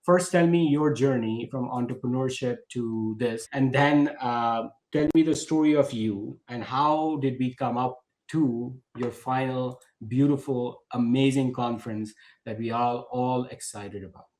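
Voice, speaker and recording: A man's voice: medium pitch, unhurried, a little mellow, echoey room, poor audio. A male podcast host giving enthusiastic, effusive introductions to his guests. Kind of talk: podcast interview.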